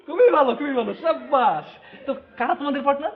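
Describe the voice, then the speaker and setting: A man in a TV comedy drama who teases his friends in animated, playful banter. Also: extremely high pitch, moderate pace, over a noisy crowd. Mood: teasing. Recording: distant, echoey, dull TV audio.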